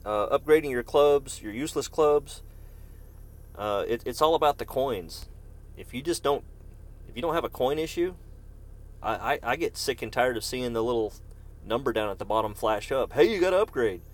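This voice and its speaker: A man of medium pitch and moderate pace streams a game live, casually talking to his viewers by name. Every so often he breaks off to cough through a fit.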